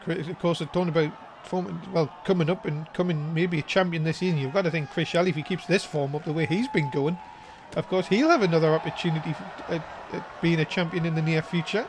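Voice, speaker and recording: A high-voiced man working as a wrestling commentator. He delivers informal play-by-play and stretches his words when the action peaks. Some background noise sits behind his voice. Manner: breaks into drawn-out excited shouts at big moves.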